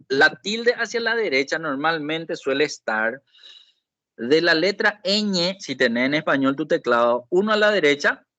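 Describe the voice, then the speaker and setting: A man's voice: a little high, pushed and bright, no echo. Patient man teaching on a video call. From Paraguay. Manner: patient, explanatory, checks in with "¿sí?". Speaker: Excel instructor. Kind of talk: online class walkthrough.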